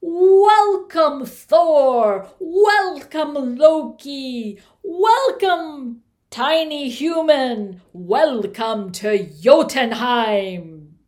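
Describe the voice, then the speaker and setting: A woman storyteller voicing a huge, overeager male giant who loudly exclaims his friendly welcomes. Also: high voice, lively intonation, very slow, pitched above the performer's own voice, heavily acted. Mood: exuberant.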